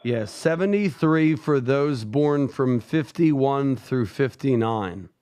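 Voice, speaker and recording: A man's voice: mid-range voice, expressive, takes it slowly, a little mellow, clean tone. A man hosting a radio call-in show, explaining topics steadily and repeating the call-in phone numbers.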